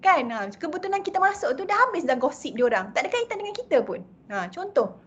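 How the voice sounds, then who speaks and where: A woman giving a lively talk on mental health, chatty, tagging her sentences with "ha" and "kan" and slipping English phrases in. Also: sits high, fast, highs cut off.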